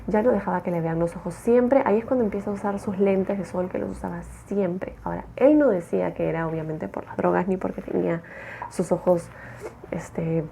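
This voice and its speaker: A woman telling a true-crime story in a chatty, expressive way, acting out the quotes. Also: fairly low pitch, a little fast, gravelly, a little hiss or hum.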